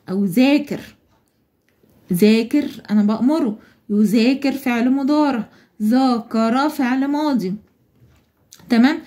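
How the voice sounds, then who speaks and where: A primary school teacher with an Egyptian Arabic accent walks young children through a schoolbook lesson, patiently and one step at a time, posing questions and then answering them herself. Her voice is high and slightly mellow.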